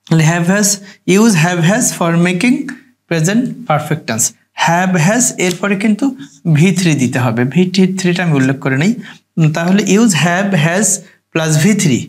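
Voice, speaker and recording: A man teaching a grammar lesson, patiently repeating each rule step by step. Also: high-pitched. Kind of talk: grammar lecture.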